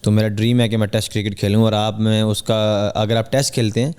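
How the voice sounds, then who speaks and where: A young man from Pakistan speaks as a podcast guest in a low, mellow and smooth voice. He keeps an even, flat delivery. His earnest answers are measured and broken by hesitant fillers. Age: young adult. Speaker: cricketer guest. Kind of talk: podcast interview.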